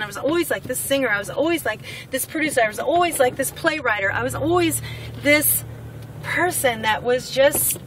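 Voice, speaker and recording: A woman's voice: high-pitched, bright, forceful tone. A woman in her forties from Oregon talks earnestly and heartfelt in a personal vlog from a parked car, repeating phrases for emphasis. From Oregon, United States. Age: 40s. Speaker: weight-loss vlogger. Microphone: camera on the dashboard. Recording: slightly distant car mic with outside noise.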